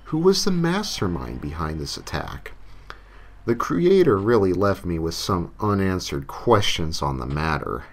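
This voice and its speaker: Backed by music, a low-voiced man narrates a scripted comic horror story as a creepypasta narrator. He takes his time, sounding very animated, theatrical and emphatic.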